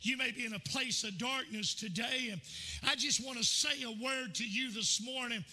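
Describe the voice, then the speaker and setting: A male pastor delivers a sermon in a church, speaking in a conversational way and asking his listeners questions. His voice sits high and sounds very bright and sharp. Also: normal speed. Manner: conversational preacher, asks the congregation questions.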